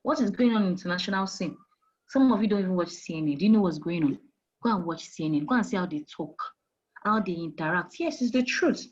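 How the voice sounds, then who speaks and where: Fast and lively in intonation, a lowish woman's voice comes through lo-fi audio. With her Nigerian English accent, the HR manager guest gives interview career advice insistently, repeating essentials and leaning on rhetorical questions.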